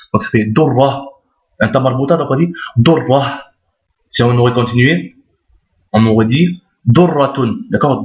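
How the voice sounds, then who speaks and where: A man teaching Arabic reading step by step, patiently repeating each point and often checking that listeners follow. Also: mid-range voice. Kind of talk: step-by-step lesson explaining letters on screen. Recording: roomy, dull lo-fi recording.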